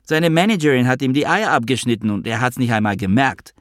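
A man voicing a bitter, volatile male Druze soldier in an audiobook, shouting crude rants. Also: mid-range voice, animated, brisk, no echo, studio quality, voice pushed up, close to an everyday voice. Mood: ranting, furious. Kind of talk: audiobook character voice.

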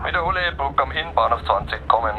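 A man's voice: medium pitch, expressive, quick pace, phone-quality sound. An actor playing a terse patrol officer, his voice heard over a police radio in a radio drama. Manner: terse, dry radio talk. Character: weary male patrol cop on the radio. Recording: noisy distant radio transmission.

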